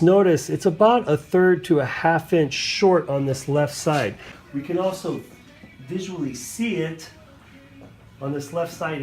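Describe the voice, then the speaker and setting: A man working as a chiropractor, casually talking a patient through a hands-on adjustment with short, reassuring instructions. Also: fairly high pitch. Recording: echoey room, distant mic, music behind.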